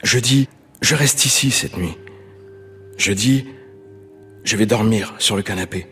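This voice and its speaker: An actor playing a quiet, sincere man calmly recounting a night, in a stage play. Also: lowish voice, long reverb tail, faint music behind. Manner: measured, even storytelling.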